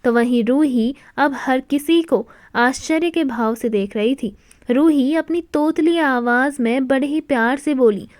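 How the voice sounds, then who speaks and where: A woman narrating a romantic family story in a steady storytelling manner. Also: sits high, a little slow, no room sound, studio quality.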